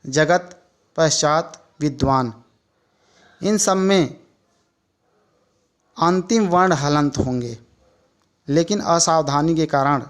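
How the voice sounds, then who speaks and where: A male teacher educator reads his lecture at an unhurried pace. He moves through each point with steady pauses, and his voice sits somewhat high. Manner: measured, listing points one by one with pauses. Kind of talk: slow lecture reading from notes.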